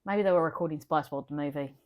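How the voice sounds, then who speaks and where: A woman with a fairly low voice co-hosts a film podcast, chatting casually and eagerly. She speaks, often trailing off mid-thought and starting over. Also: fast talker. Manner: chatty, enthusiastic, trails off and restarts. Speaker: podcast co-host. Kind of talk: casual chat.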